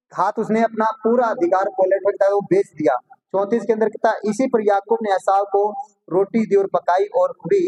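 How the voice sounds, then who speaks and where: A man's voice: sits high, darkish tone, rough recording. A male preacher delivering a sermon, reading scripture aloud and explaining it with frequent rhetorical questions.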